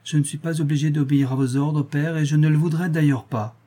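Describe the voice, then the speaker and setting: A man's voice: on the high side, fairly even intonation, a little fast, dark tone, lightly acted. A man doing a sulky young lady. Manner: sulky, tearful.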